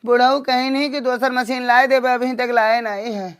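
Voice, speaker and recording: A man voicing a deaf old village aunt in a shrill, whiny Awadhi-accented voice. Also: flat delivery, moderate pace, fairly bright tone, smooth. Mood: shrill complaining.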